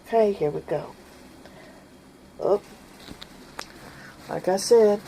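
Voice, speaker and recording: A woman's voice: low voice, gravelly, dark tone, slight background noise. A woman telling a funny family story in a casual, folksy way, often laughing as she goes.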